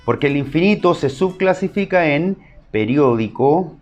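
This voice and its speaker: A man's voice: a little high, expressive, moderate pace, soft background music. A man with a Chilean accent teaching an online math class, explaining step by step and checking in with short questions.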